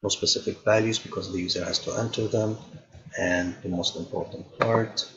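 A man calmly explaining software settings step by step, thinking aloud as he goes, in a tutorial voice-over. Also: deep voice, normal speed, dull audio, a crowd in the background. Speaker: instructor.

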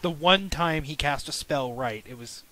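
A man narrating as game master in a casual, halting, playful way. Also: fairly high pitch, background noise.

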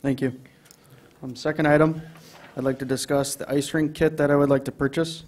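A man's voice: mid-range voice, flat delivery, moderate pace, darkish tone. A man with an Upper Midwest American accent presenting an item to a city council, with many ums and restarts. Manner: hesitant, many fillers. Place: council chamber.

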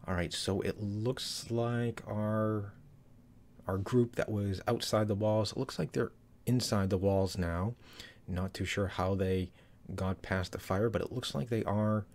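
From a small room, a YouTube trailer reviewer in his thirties rambles through casual commentary on a trailer, full of fillers and restarts. His voice is low-pitched and a little mellow.

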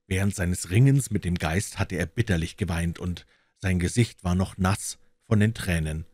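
A man reading a classic story aloud as narrator, with expressive, lively delivery. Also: low-pitched, normal speed, dry recording. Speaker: audiobook reader.

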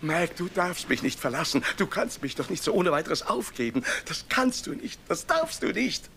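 An actor dubbing a lonely middle-aged man back from an asylum, speaking in a halting, imploring way in a 1930s film drama. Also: fairly high pitch, expressive, fairly bright tone, a little hiss or hum. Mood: pleading.

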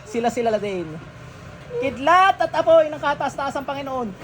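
A faith healer, sternly questioning a patient and murmuring ritual chants during a healing session at home. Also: male voice, very high voice, expressive, normal speed, a bit bright, a little hiss or hum.

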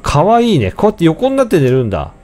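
A man's voice: fairly high pitch, fast, faint music behind. Chatty man narrating his gameplay. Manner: chatty, talks to himself while playing, sudden excited outbursts. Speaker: gameplay commentator. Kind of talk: casual let's-play commentary.

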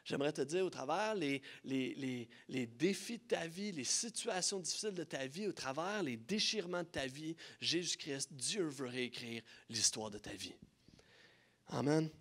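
High-voiced Quebec French pastor preaching. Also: male voice, normal speed. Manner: animated preaching, urges congregation to repeat lines. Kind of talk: sermon. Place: church sanctuary.

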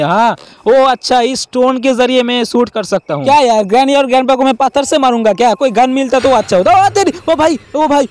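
A young man giving excitable gameplay commentary, talking straight to viewers with lots of exclamations. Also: very high-pitched, no echo. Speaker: gaming YouTuber.

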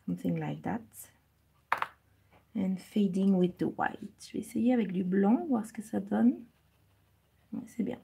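Husky-voiced woman coloring live. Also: mid-range voice. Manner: switches between French and English, repeating each step; soft, murmured while concentrating on coloring. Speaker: live coloring stream host. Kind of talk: bilingual live coloring tutorial, reading chat.

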